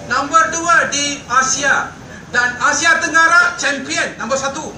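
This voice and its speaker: A man's voice: extremely high pitch, unhurried, pushed and bright. An older man with a Malaysian accent gives an earnest, emphatic political rally speech. He repeats his points and stops on fillers between them. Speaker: rally speaker. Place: outdoor night rally by a street. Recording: echoey PA sound from far off with traffic noise.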